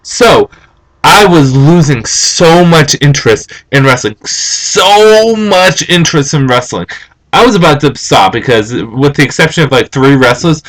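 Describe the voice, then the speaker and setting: A young man vlogging, ranting and telling stories in an animated, opinionated way. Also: fairly high pitch, a little slow, rough recording. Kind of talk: casual opinion rant.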